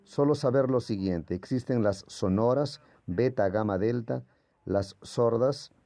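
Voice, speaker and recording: A man's voice: medium pitch, measured pace, mellow, no echo. A man whose first language is Portuguese gives a patient, explanatory lecture as a Greek language teacher, sounding out letters as he goes. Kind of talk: classroom lecture.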